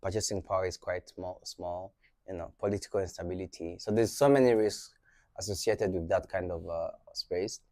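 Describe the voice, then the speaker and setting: With a low voice and a normal pace, a young man from Burundi, French his first language, explains venture capital conversationally. He's animated throughout, playing out dialogue and repeatedly checking in with "right?".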